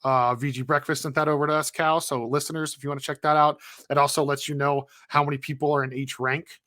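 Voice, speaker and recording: Bright, chatty podcast co-host man. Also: a little high, fast talker, dry recording, clean studio sound. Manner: laughs easily, chatty and animated. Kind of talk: casual gaming podcast chat.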